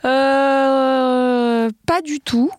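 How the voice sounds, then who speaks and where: Brief: playful woman guest, slightly high, laughing, dry studio sound. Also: fairly even intonation, very slow, clear, resonant tone, no echo. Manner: giggly, stumbles reading aloud. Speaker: podcast guest. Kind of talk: casual chat.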